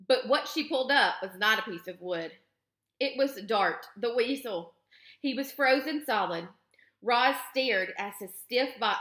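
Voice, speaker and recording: Bright-voiced woman reading a children's book. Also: a little high. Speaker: teacher reading aloud. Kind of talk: children's book read-aloud. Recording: roomy echo.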